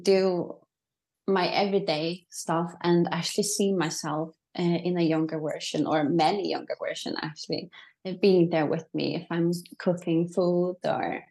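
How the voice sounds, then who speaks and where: A woman's voice: fairly low pitch, steady tone, unhurried, gravelly, darkish tone. A woman guest on a podcast, talking shyly and hesitantly with many fillers. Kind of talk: casual podcast chat.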